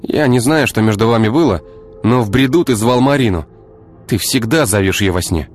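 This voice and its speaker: A man voicing a brash young man who talks in a brisk, teasing way. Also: mid-range voice, animated, soft background music, voice pushed up, natural voice. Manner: brisk, teasing, sometimes syrupy.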